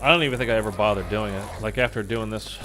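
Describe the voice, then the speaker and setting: A man's voice: lowish voice, fairly even intonation, racing, fairly bright tone, faint music behind. A man giving rambling, offhand gameplay commentary as a casual streamer. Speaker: gaming streamer. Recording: clear background noise from game.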